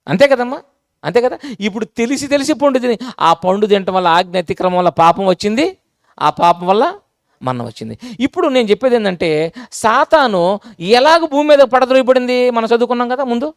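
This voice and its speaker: A man preaching with a notably high voice, recorded dry and close. He talks to his congregation in a plain, conversational way, repeating his points and firing rhetorical questions at them. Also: no echo. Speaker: pastor. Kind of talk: sermon.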